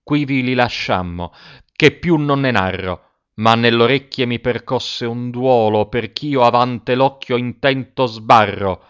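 A man reciting classic verse aloud in a measured, dramatic reading, on a dull lo-fi recording. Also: medium pitch, a bit bright, clear, resonant tone. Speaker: reader.

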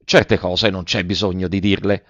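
A man's voice: low-pitched, steady tone, normal speed, no room sound. A man voicing a capricious, elegant young woman who questions her friend playfully, in a storybook reading. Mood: teasing. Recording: dull, dry recording.

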